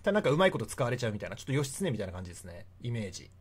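A man's voice: medium pitch, sing-song, very fast, breathy edge. A young man giving a casual, chatty history lecture and often laughing between points. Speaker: history explainer.

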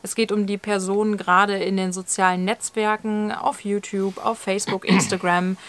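Woman explaining views in a relaxed garden chat. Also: medium pitch, moderate pace. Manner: fluent, explanatory, steady. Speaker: channel co-host. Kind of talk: casual discussion to camera. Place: outdoors in a leafy garden, evening.

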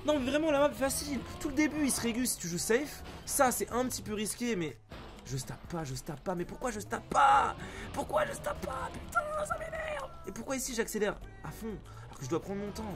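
A man streaming live gameplay, commenting excitably, often swearing and yelling at the game. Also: very high-pitched, a little fast, loud music behind the voice.

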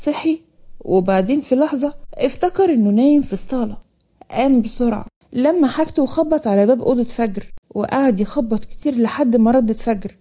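A woman with an Egyptian accent narrating a scripted village love story in a steady, plain manner. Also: fairly high pitch.

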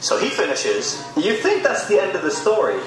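A man tells a personal story with wry humor. His pitch moves expressively from line to line. The voice rings out in a heavily echoing space with clear background music. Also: wildly swooping pitch, moderate pace. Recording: echoey room with music.

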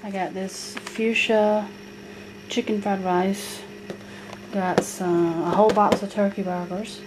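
A slow-talking woman vlogger plainly lists her grocery haul item by item, with many ums, in a mid-range voice and flat delivery. She's indoors at her kitchen table, filmed by a handheld camera pointed at the tabletop, and the home audio has clear noise.

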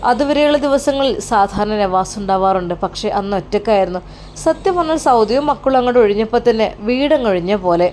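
A woman narrates a family tale in a plain, flowing storytelling voice. Her pitch sits a little high for a woman, and a faint hum of noise runs underneath. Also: lively intonation, brisk, darkish tone. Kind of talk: scripted narration.

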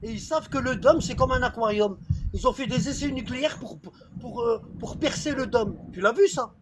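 A man with an extremely high voice explains things in a casual chat. He talks in short, repeated phrases and checks that he is understood. Clear vehicle noise runs behind him. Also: moderate pace. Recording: noisy recording with vehicle rumble behind.

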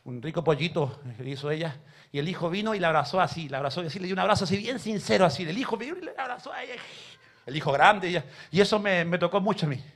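A man's voice: fairly high pitch, rapid-fire. Emotional preacher, man. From Chile. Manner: emotional storytelling, swings from soft to loud. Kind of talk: sermon. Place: church.

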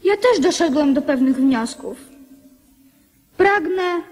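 A young boy king speaks in a high voice with animated intonation. He is earnest and resolute, making solemn declarations in radio drama style. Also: slow.

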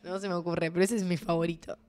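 A woman's voice: fairly low pitch, little pitch movement, fast talker, darkish tone, clear, resonant tone. A young woman with a Rioplatense Spanish accent, chatting casually with her stream viewers and telling a story with laughter and sudden exclamations.

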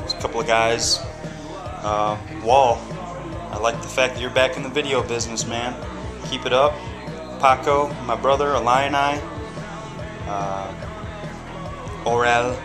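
Laid-back guy in his thirties, middle pitch, loose and profane home-cooking vlog talk over background music on a webcam. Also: poor audio. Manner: rambling, swears freely, many ums and uhs. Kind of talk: casual talk to camera while cooking. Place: home kitchen, indoors. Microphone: webcam camera mic.

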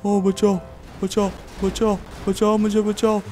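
A man's voice: mid-range voice, level tone, normal speed, faint music behind, close to an everyday voice. A man voicing an arrogant, bragging male superhero in a game voiceover. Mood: panicked screaming. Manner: bragging, threatening, then screaming for help. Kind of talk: game voiceover role-play.

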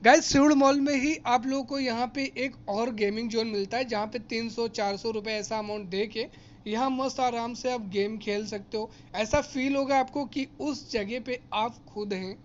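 A man's voice: very high-pitched, moderate pace, muffled recording, slight background noise. A man casually narrating a tour vlog through a large indoor shopping mall, chatting to viewers as guys and explaining prices and offers. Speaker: vlogger.

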